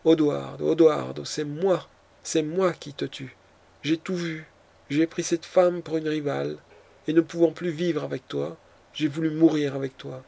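Vengeful desperate countess, read by a man, impassioned, pleading, gravelly tone, audiobook. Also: a little high, fairly even intonation, measured pace, mellow.

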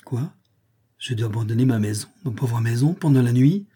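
A man's voice: medium pitch, a little fast, warm tone, husky, close to an everyday voice. A man voicing a fearful, sly old male moneylender in a storybook reading, plaintive and whining. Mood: panicked.

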